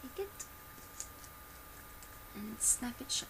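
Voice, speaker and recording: A woman in her twenties, an ASMR creator playing a customer service presenter, gives a gentle, instructional product demonstration in a soft, quiet voice. Her pitch sits a little high, and she is very animated while keeping a slow pace. It was recorded indoors at home in a small bedroom on a noisy amateur webcam, with background noise clearly audible.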